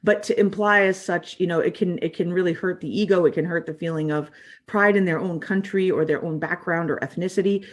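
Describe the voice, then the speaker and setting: A woman's voice: lowish voice, fairly even intonation, a little fast. A woman born in the United States, a refugee services trainer, giving a training talk in an earnest, conversational way with many fillers.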